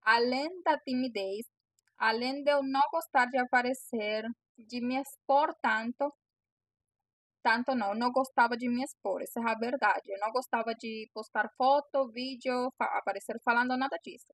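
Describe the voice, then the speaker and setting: A woman's voice: a little high, normal speed, fairly bright tone, no room sound. A young woman from Venezuela with a Venezuelan Spanish accent, a native Spanish speaker giving earnest, encouraging coaching to camera. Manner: earnest, encouraging, repeats phrases. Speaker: bow-maker coaching sellers. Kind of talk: direct-to-camera coaching talk.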